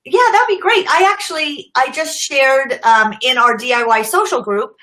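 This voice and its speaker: A woman's voice: high voice, moderate pace, pushed and bright, poor audio. A middle-aged woman casually chatting on a live stream, laughing often and greeting viewers by name. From United States. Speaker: social media marketing host.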